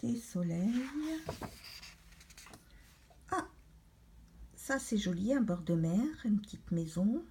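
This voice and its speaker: A middle-aged woman talks through a colouring book in a relaxed, meandering way. She speaks slowly and hesitantly, with plenty of pauses and fillers. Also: medium pitch. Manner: chatty, rambling, hesitant with many pauses. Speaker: craft vlogger. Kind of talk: casual chat showing a colouring book.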